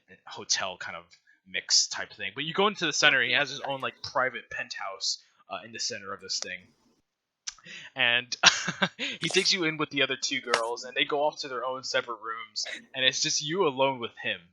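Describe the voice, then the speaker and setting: A man running a tabletop game, rambling loosely and laughing often. His voice is very bright and sharp, and his pitch swings lively up and down. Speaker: game master.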